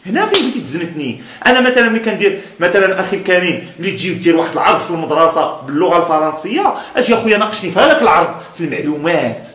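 Blunt and emphatic, this Moroccan motivational speaker with an Amazigh accent keeps his talk casual and laughs often between points. The roomy recording carries a high, somewhat bright voice.

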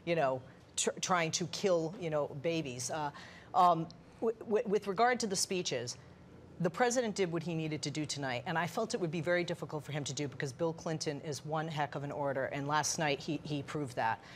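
Low-pitched woman commentator, emphatic, restarts a lot, faint noise behind. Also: expressive, a little fast. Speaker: political commentator. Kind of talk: panel discussion.

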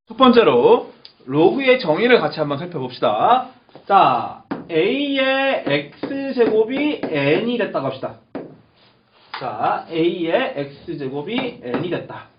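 A man's voice: high-pitched, big pitch swings, very slow. A man teaching a math lesson, repeating key terms emphatically and checking that the class understands. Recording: echoey lo-fi classroom recording with faint hiss.

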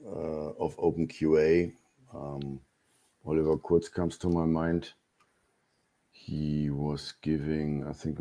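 A man with a very low, dark voice talks on a video call. He speaks haltingly, restarting and repeating words as he thinks, with a somewhat husky tone. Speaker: community board member. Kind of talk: casual meeting discussion.

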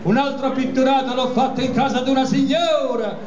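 A man's voice: extremely high pitch, steady tone, brisk. A man voicing a cheeky, poor Neapolitan puppet clown in live comic theatre, addressing the audience theatrically. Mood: boastful, playful. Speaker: puppeteer performer. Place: outdoor puppet booth through speakers, filmed from audience. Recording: dull echoey outdoor recording with crowd.

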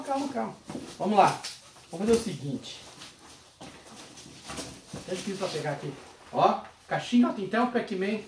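A collector unboxing retro games in a casual vlog, exclaiming with excitement and reading item names aloud. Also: mid-range voice, distant mic. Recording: roomy echo, voice away from mic, faint noise.

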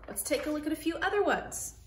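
A woman teaching young children an early reading lesson, sounding out words slowly and clearly in an encouraging way. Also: sits high, expressive, reverberant, a little hiss or hum.

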